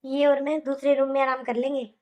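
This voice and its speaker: A woman voicing a patient young housewife in a cartoon, reasoning gently and pleading with a Hindi accent. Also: high-pitched, level tone, fairly quick, highs cut off, close to an everyday voice. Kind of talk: cartoon voice acting.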